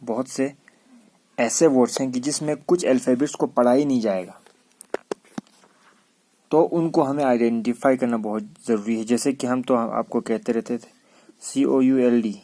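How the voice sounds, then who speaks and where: A man's voice: mid-range voice, darkish tone. A man teaching a lesson, spelling out words letter by letter and repeating each word several times. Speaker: English teacher. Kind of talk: classroom lesson.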